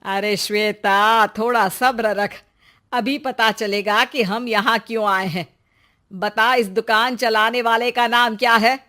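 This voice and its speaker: A woman's voice: a little high, fairly even intonation, takes it slowly, pushed and bright. Woman doing a wise, patient older mother. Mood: knowing. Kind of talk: animated storybook voice acting.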